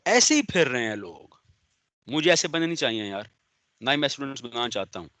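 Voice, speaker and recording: A man's voice: mid-range voice, big pitch swings, a little fast, bright, forceful tone, no room sound. A male business law lecturer, giving an online class, stern and sarcastic as he calls on students by name. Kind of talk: online lecture, scolding and explaining.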